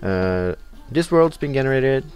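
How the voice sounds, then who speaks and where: Reading the screen aloud while playing, a young man from Norway with a Norwegian accent hosts a let's play, halting and full of uh fillers. His medium-pitched voice is animated yet a little slow, a little mellow and smooth.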